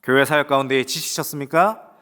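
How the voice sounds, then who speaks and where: A man pastor delivering a sermon, swinging between loud rising exclamations and hushed asides, putting rhetorical questions to the congregation. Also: medium pitch, brisk. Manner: emphatic preaching with rising exclamations and quiet asides.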